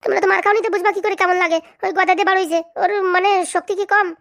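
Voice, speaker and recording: A woman's voice: very high-pitched, steady tone, very fast, creaky, fairly bright tone, no room sound, clean studio sound, pitched above the performer's own voice, full character voice. A woman voicing a young cartoon man who whines and pities himself after a beating. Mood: whining. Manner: whining, self-pitying complaints. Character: whiny beaten young man. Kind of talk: cartoon voice acting.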